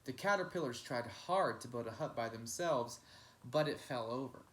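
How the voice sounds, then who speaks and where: A man playing a teacher reads a children's picture book aloud with dramatic, emphatic, expressive narration. His mid-range voice is animated and a bit bright, moving at a moderate pace.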